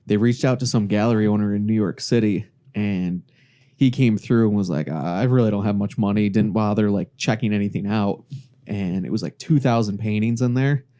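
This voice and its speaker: A man hosting a casual podcast chat, relaxed and telling stories and facts to his friends. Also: fairly low pitch, moderate pace. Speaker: podcast host.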